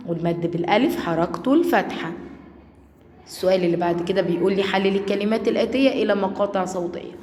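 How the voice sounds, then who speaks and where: A woman's voice: medium pitch, a little hiss or hum. Echoey Egyptian woman teaching phonics. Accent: Egyptian Arabic. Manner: stretches sounded-out words slowly and loudly, praising an unseen class. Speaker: primary school teacher. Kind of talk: first-grade phonics lesson.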